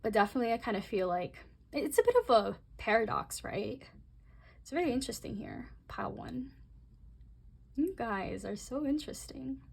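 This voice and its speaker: A woman giving a chatty, rambling tarot reading, speaking straight to her viewers and talking fast by her own account. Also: on the high side, expressive, gravelly, breathy edge. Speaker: tarot reader. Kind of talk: casual tarot reading to camera.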